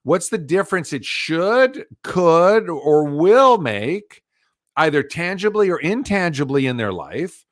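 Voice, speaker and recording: A middle-aged man giving a live virtual business talk over a video call, telling stories with lively acted-out quotes. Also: on the high side, takes it slowly, no room sound, clean studio sound. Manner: animated storytelling, acts out quoted voices. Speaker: business speaker.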